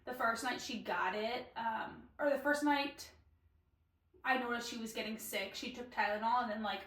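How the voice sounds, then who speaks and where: A woman's voice: a little high, moderate pace, fairly bright tone. A woman in her thirties, co-hosting a casual podcast chat, talking loosely with lots of likes and fillers. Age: 30s. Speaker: podcast co-host. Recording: roomy echo, mic at a distance.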